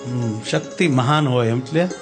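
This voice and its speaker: A man's voice: mid-range voice, normal speed, over music. A man giving a devotional sermon, telling folksy stories and acting out the dialogue. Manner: folksy storyteller, acts out dialogue. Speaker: Swaminarayan sadhu preacher. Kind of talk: katha sermon with sung verses and anecdotes.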